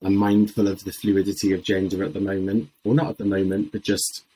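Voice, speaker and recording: A man's voice: low voice, monotone, fairly quick, warm tone, slightly rough, rough recording. A man from South Wales. He talks in a casual, chatty way as a podcast guest, wandering off into asides. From Swansea, Wales, and Botswana. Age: 40s. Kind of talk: casual conversational interview.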